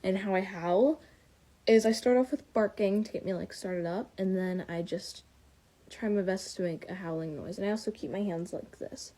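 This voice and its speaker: A woman's voice: mid-range voice, moderate pace, mellow. A woman giving a casual tutorial through a mask, apologetic and self-deprecating. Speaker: tutorial maker. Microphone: speaking through a mask.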